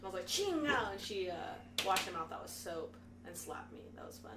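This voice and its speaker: A woman's voice: fairly low pitch, steady tone, quick pace, far from the mic. A woman chatting casually on a podcast, teasing and blunt. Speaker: podcast co-host. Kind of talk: casual chat. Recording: roomy, off-mic with clicking noise.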